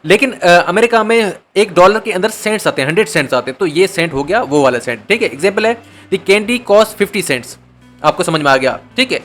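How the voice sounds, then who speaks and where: A man with a high-pitched voice teaches an exam prep lesson, explaining in Urdu with English terms mixed in. He reads definitions slowly and carefully. Soft music plays faintly behind him. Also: animated. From Pakistan.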